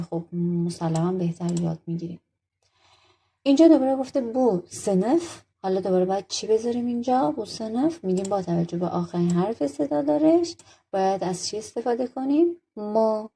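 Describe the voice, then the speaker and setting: A woman's voice: medium pitch, vocal fry, warm tone, breathy edge. A woman teaching a language lesson, working patiently through textbook exercises, asking questions and answering them herself. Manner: patient, asks questions then answers them, slow over example phrases.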